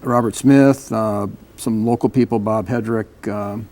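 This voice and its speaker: An American man in a casual panel talk, explaining things in a halting way as an advocate on a community show. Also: on the low side, fairly even intonation, dark tone.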